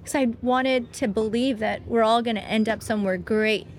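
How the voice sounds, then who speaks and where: Chatty, animated woman guest. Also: on the high side, moderate pace, slight background noise. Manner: animated, chatty, many fillers. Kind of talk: casual conversation about faith.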